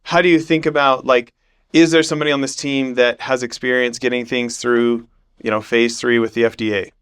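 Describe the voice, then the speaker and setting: A man's voice: mid-range voice, little pitch movement, fairly quick, a bit bright, clear, resonant tone. A man hosting a podcast, asking long, rambling interview questions with fillers and restarts. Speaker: podcast host.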